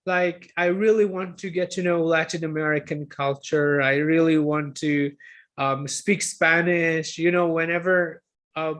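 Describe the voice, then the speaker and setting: A man's voice: on the high side, a bit bright. A man, a guest lecturer answering questions in an online talk, hesitant and full of fillers as he corrects himself. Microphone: video call.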